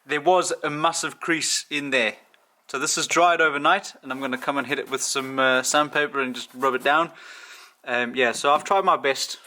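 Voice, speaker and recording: At a moderate pace and in a steady, sharp mid-range voice, a man talks casually about repairing his car in his home garage, often at his own expense. The car vlogger was born in South Africa and grew up in Zimbabwe.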